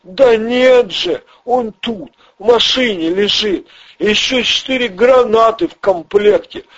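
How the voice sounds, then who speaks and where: Man doing a whiny crook, high shrill voice, pleading, panicky, husky, lo-fi. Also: measured pace. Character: panicky pleading red-haired male small-time crook. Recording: dull lo-fi audio.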